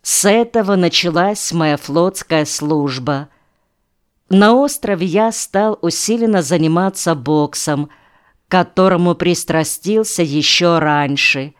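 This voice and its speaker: Slow, smooth-voiced woman reading an audiobook. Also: on the low side. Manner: unhurried, measured reading with pauses between phrases. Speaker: audiobook reader. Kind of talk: audiobook narration.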